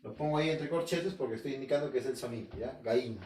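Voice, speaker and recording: A man's voice: medium pitch, fast talker, a little mellow. A male teacher from Peru with an Arequipa accent gives a recorded class. He asks himself questions, answers them, repeats key terms and checks in with his listeners. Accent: Peruvian Spanish, Arequipa. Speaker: school language teacher. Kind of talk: recorded home-learning class. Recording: roomy echo, voice from far off the mic.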